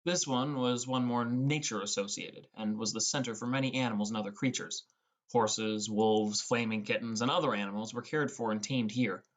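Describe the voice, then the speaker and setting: At normal speed, a young man tells a fantasy adventure from his own point of view, reading a script like an audiobook, his voice sitting mid-pitch for a man.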